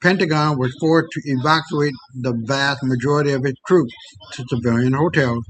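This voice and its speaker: A man's voice: mid-range voice, normal speed, fairly bright tone, a little hiss or hum, low-quality recording. A man hosting a podcast in casual chat, blunt and profane, often stumbling over repeated words. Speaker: podcast host.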